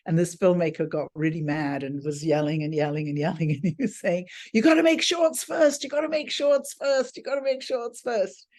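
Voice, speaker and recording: An Englishwoman teaches an informal film finance class online over a video call. Her voice is low and a little mellow, and her manner is effusive and exclamatory.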